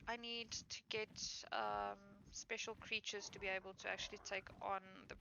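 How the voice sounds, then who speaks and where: A tired woman talks through her survival game, rambling with lots of fillers and stopping to correct herself. Her voice is bright and edged with gravelly fry. The recording is dull and lo-fi, with a faint hiss underneath. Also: medium pitch, flat delivery, normal speed. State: tired, yawning. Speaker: gaming streamer. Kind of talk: casual gameplay commentary. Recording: dull lo-fi mic with faint noise.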